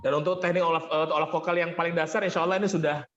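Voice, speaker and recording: A man's voice: fairly high pitch, steady tone, very fast, a bit bright, dull audio, faint music behind. A man running an online workshop as a vocal training coach, explaining patiently and thanking participants often.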